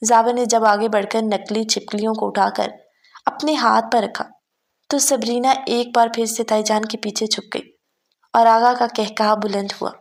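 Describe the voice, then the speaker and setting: A woman narrating a romance novel in a steady, even storytelling manner. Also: a little high. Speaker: novel reader.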